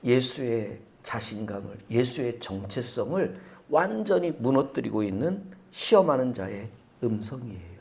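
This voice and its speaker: A man preaching a sermon as pastor, animated and full of rhetorical questions to the congregation. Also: medium pitch, measured pace, hardly any pauses. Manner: animated, many rhetorical questions, acts out voices.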